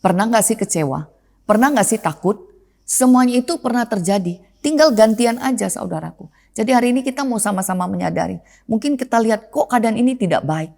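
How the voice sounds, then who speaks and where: A woman's voice: expressive, fairly quick, creaky, a little mellow. Woman pastor preaching a conversational sermon. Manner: drops pitch and volume on the trailing address word; rhetorical questions and repeated phrases.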